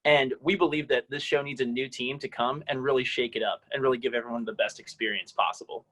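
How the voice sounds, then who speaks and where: A man's voice: medium pitch, steady tone, quick pace, fairly bright tone. A man in his twenties from Washington State, speaking with enthusiasm and confidence about his team. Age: 20s. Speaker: team member. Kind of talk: casual team introduction.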